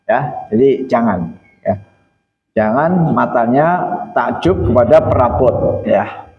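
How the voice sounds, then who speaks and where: A male preacher giving a lively sermon on etiquette for guests, now and then acting out visitors in high, put-on voices. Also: takes it slowly. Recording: echoey hall, dull lo-fi sound.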